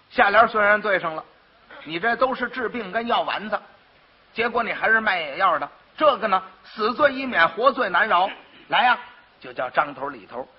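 A man's voice: sits high, husky, heavily acted. A man playing a blustering county magistrate. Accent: Beijing. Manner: shouting, bellowing orders. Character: blustering male county magistrate, pompous and hot-tempered. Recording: dull lo-fi archive recording.

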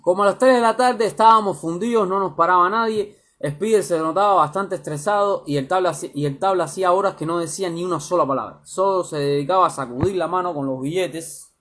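Man telling a story, high voice. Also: fast, few pauses. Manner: lively, colloquial, earthy. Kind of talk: first-person story reading.

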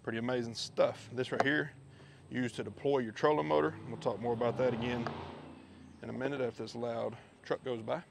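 Gravelly man, steady even delivery, casual outdoor gear walkthrough on a head camera, faint background noise. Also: medium pitch, a little fast. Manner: relaxed, chatty, with many fillers. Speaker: fishing video host. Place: backyard outdoors. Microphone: head-mounted action camera.

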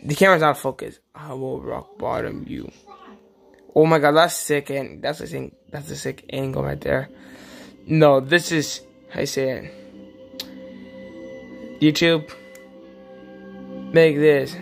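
A woman casually showing off her collection on camera, excitable and gasping often. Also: deep voice, a little slow, gravelly, pauses often, faint music behind. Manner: excitable, with frequent gasps and laughs. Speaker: vlogger showing a toy wrestling figure collection. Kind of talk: casual unscripted show-and-tell.

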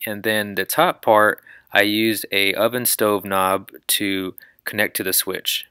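A man narrates his own do-it-yourself project with a lower, bright, forward voice. He explains each step in an upbeat, organized way. The sound is dry and close. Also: fairly even intonation, takes it slowly, smooth, no room sound. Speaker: channel host. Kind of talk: DIY how-to walkthrough.

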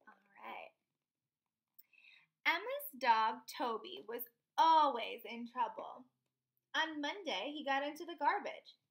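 Reading a picture book aloud at home in a small room, a young woman performs it expressively and pauses to ask her young listeners questions. Her voice sits high and is animated, slow, with frequent pauses.

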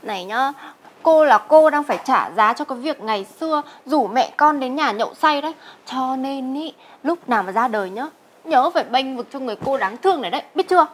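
A woman in her twenties playing a chatty young woman who is the chairman's younger sister, talking in a brisk, bossy way. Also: high voice, lively intonation, slight background noise. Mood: teasing. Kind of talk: web drama acting.

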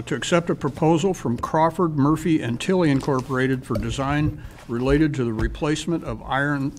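A middle-aged man as mayor, chairing a town council meeting at a desk microphone and reading agenda items in a measured, businesslike way with frequent fillers. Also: mid-range voice. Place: council chamber. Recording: faint hiss in a council chamber.

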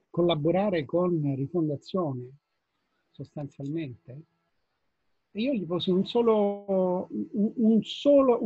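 A man's voice: high-pitched, breathy edge, no echo. An older Italian man, a former trade unionist, telling anecdotes to an audience in an earnest, casual way that slips into swearing. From Italy. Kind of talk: storytelling talk to an audience. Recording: tinny phone-like sound, dry.

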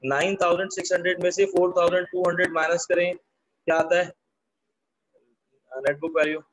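A man teaching an online accounting lesson. He explains each step slowly and keeps asking his students for the answers. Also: high voice, level tone, a bit bright, low-quality recording.

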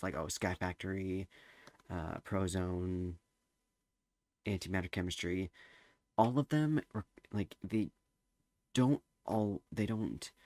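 A man's voice: sits low, a little mellow, no room sound. A teenage boy giving casual gameplay commentary, rambling and hesitant with lots of fillers. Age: teens. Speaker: gameplay streamer.

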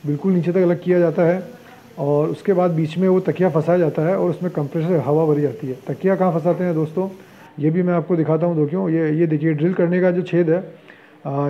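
A man's voice: on the high side, dull audio. A man giving a walking tour of an open-pit marble mine, explaining step by step to his viewers with many fillers. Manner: explanatory, addresses viewers as friends, frequent fillers.

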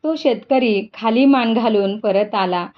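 A woman narrating a novel aloud with expressive storytelling, in a dull lo-fi recording. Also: fairly high pitch, measured pace.

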